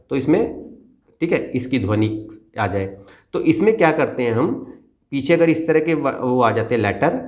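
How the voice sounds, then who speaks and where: A man teaching a basic grammar lesson to children, patient and repetitive, often checking that they have understood. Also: medium pitch.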